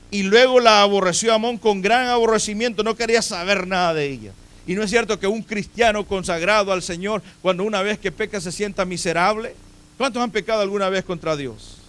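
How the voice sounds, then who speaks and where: High-voiced man preaching a sermon. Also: fairly bright tone. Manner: emphatic, questioning the congregation directly. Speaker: pastor. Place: church sanctuary.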